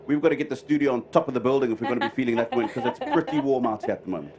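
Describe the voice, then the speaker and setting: A man giving relaxed cricket opinions as a pundit, repeating words as he talks. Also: mid-range voice, rapid-fire, a crowd in the background. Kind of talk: live pundit chat.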